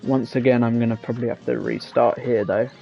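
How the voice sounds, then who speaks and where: A man's voice: mid-range voice, little pitch movement, a little fast, vocal fry, dark tone. A man, live-streaming a game and chatting casually, rambling as he reads out chat messages. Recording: slightly dull lo-fi mic with faint game music.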